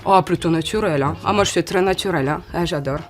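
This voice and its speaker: A woman in her forties from Ukraine with a Ukrainian accent, a model answering interview questions in a halting way, often restarting. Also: lowish voice. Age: 40s. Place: photo studio.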